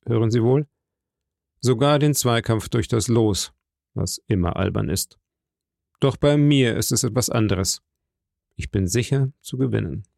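A man voicing an icy, composed nobleman who speaks with unshakable calm. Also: mid-range voice, measured pace, creaky, long pauses, no echo, studio quality. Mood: calm menace.

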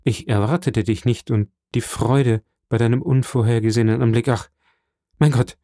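A man reading an audiobook, voicing a frail, gentle old father who speaks softly and wearily. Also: mid-range voice, fairly even intonation, normal speed, no echo, studio quality, close to an everyday voice. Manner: soft, weary, hesitant. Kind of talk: audiobook character voice.

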